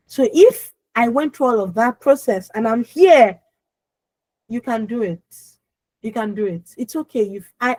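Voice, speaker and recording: A young adult woman hosting an online emotional healing session, reassuring attendees, calling them by name and pleading with them gently. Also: mid-range voice, no room sound, low-quality recording. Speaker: conference host and emotional healing coach. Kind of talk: live online coaching session. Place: online video call.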